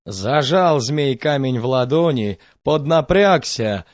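A man telling a fairy tale in a measured, expressive storytelling voice. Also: medium pitch, no echo, lo-fi sound.

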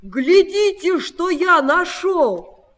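A woman's voice: sits high, takes it slowly, long reverb tail, pitched above the performer's own voice. A woman voicing a hardworking, patient male rooster in a storybook reading. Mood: calling. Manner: calling out, patient questioning.

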